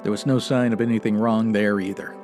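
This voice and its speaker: With music playing behind him, a male actor in a comedy audio drama gives a lightly acted turn as a stoic, no-nonsense 1950s police sergeant. He narrates briskly in clipped radio detective fashion, his fairly low, steady voice staying flat and factual.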